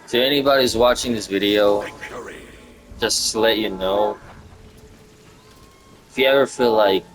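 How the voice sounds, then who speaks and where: Rambling young man, low voice. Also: music in the background, rough recording. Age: 20s. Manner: rambling, halting, with many fillers and restarts. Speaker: gaming video creator. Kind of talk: casual reflective monologue.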